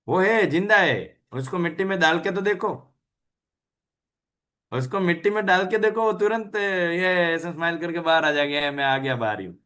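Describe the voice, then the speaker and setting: A man hosting a health channel gives a casual motivational talk, chatty and packed with rhetorical questions, switching between languages. His voice is a little high with a sharp tone.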